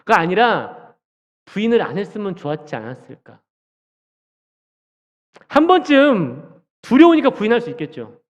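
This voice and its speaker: A man's voice: high-pitched, moderate pace, pauses often. A man preaching a sermon in a church, questioning his listeners and acting out quoted lines. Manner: animated, acts out quoted dialogue, asks the congregation questions. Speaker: junior pastor. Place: church sanctuary. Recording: dull church hall recording with long reverb.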